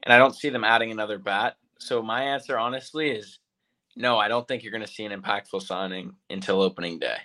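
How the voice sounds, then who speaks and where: A man co-hosting a sports podcast, giving measured, skeptical takes in casual chat. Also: lowish voice, bright, forceful tone. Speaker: podcast co-host.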